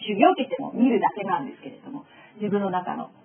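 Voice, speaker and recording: A woman's voice: mid-range voice, lively intonation, rapid-fire, slight background noise. A woman teaching a spiritual school's lesson in a spoken lecture, explaining with acted-out examples. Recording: tinny phone-like sound.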